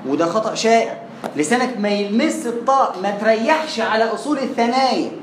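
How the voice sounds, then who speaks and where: A man's voice: sits high, lively intonation, quick pace. A man with an Egyptian accent teaching Quran recitation in class, asking questions and answering them himself, drilling pronunciation. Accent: Egyptian Arabic. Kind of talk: classroom lesson. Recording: echoey room, faint background noise.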